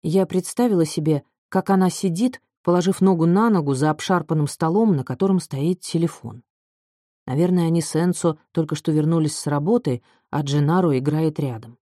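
Woman audiobook reader, low mellow voice, measured delivery, dry close sound. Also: dry recording. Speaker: audiobook narrator. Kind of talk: scripted narration.

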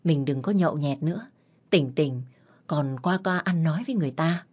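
A worn-down mother speaks softly and pleads, with a firm scolding edge, voiced by a woman storyteller. The voice sits a little below the usual pitch. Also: normal speed, husky. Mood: gentle. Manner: pleading, then sharply scolding. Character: long-suffering mother, patient then defiant.

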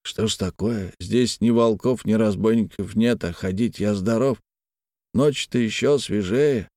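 Мужчина озвучивает спокойного, трезвого, рассудительного человека в аудиокниге. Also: male voice, fairly low pitch, measured pace, no room sound, studio quality, lightly acted. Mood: calm. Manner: calm, matter-of-fact. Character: calm, sober, steady factory man.

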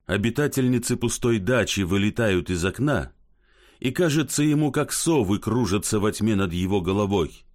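A man narrating a classic story as an audiobook, in a measured, expressive manner. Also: on the low side.

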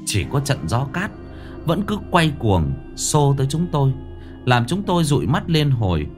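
A man narrating a ghost story in a dramatic, expressive reading. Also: mid-range voice, normal speed, faint music behind.

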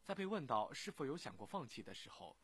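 A man's voice: mid-range voice, very animated, quick pace, husky. A man reads the scripted narration of a radio feature in a formal broadcast manner.

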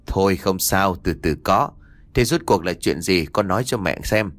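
A man voicing an elderly, quick-tempered mother-in-law in an audio story, scolding and shouting. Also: low voice, dry recording, pitched below the performer's own voice. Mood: curious.

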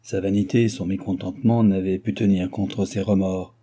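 A man reads a classic novel aloud in a measured, even manner. His voice sits fairly low and sounds very dark and mellow. There is a husky grain throughout. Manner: measured, even literary narration. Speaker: audiobook narrator.

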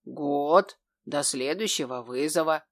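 A woman's voice: sits low, voice pushed down. A woman doing a smug, grumbling demon. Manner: slow, drawn-out and smug, at times breathy and soft. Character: grumbling, smug male demon with horns and fangs.

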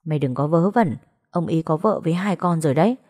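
A woman playing an exasperated young woman scolding her friend in a storybook reading, blunt and quick. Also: low voice, a little mellow.

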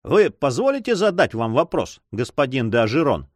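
A man voicing a burly, hot-tempered buccaneer in his forties who talks roughly and impatiently in a storybook reading. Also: medium pitch, big pitch swings, normal speed, dry recording, clean studio sound. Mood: hesitant.

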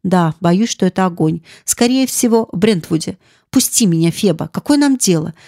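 A woman's voice: on the low side, animated, moderate pace, mellow, no room sound, clean studio sound. A woman voicing a cold, ruthless noblewoman who speaks harshly and commands in an audiobook. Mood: cold scorn. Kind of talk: audiobook dialogue.

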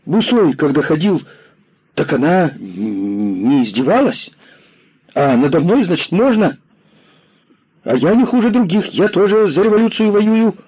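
A man voicing a scrappy lame boy soldier who pleads in a rapid, shifty patter. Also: fairly high pitch, very animated, husky, lo-fi sound, pitched above the performer's own voice, full character voice. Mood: whining. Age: child.

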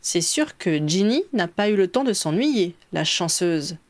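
A woman's voice: on the low side, sing-song, unhurried. A woman doing a sarcastic clever young woman.

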